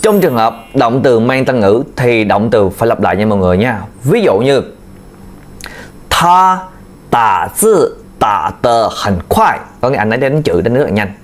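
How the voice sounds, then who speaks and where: A man's voice: medium pitch, quick pace, hardly any pauses, darkish tone. A man teaching a video language lesson, patiently repeating key points to his learners. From Vietnam. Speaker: Chinese teacher.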